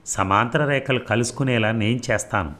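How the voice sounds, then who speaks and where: A man's voice: mid-range voice, moderate pace, a bit bright, lightly acted. A man reading a confident young lover. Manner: insistent, self-assured.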